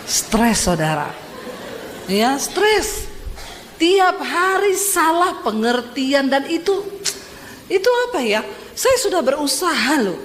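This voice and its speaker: A woman pastor from Sulawesi with a Sulawesi accent, preaching a sermon full of lively personal stories and addressing the congregation directly. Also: high voice, takes it slowly, long pauses. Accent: Sulawesi Indonesian. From Sulawesi, Indonesia. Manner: lively, animated storytelling, addresses congregation as "saudara". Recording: echoey church hall, faint noise.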